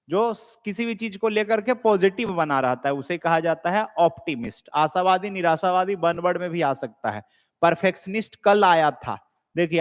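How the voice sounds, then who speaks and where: A man with an Indian accent teaching an exam-prep English class, explaining in Hindi and reading English questions slowly, often checking with his students and correcting himself. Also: sits high. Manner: frequent check-ins with the class, self-corrects. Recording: long hall reverb.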